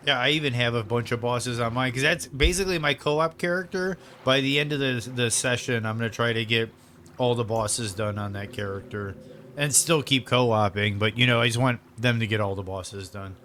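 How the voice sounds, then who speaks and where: Male streamer, mid-pitched, rambling relaxed game chatter while eating. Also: normal speed, slight background noise. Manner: rambling, relaxed, lots of fillers. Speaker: streamer playing a video game. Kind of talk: casual gameplay commentary.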